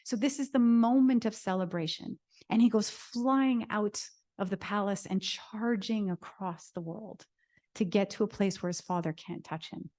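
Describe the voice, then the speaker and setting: A woman giving a lecture, telling an ancient story in an animated, dramatic way. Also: medium pitch, moderate pace. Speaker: guest lecturer.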